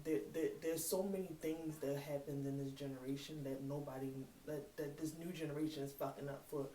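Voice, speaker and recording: A woman's voice: sits low, a little mellow. Casting note: woman, 30s, vlogger, blunt and fired up, cusses often, roomy echo, mic set back, light hiss. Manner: blunt, heated, swears freely. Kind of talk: casual monologue. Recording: echoey room, mic at a distance, faint hiss.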